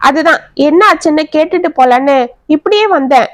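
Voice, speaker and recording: A woman's voice: high voice, brisk, no echo, voice pushed up, lightly acted. A woman voicing a tired, resentful middle-aged aunt who answers with long, weary complaints. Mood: chatty.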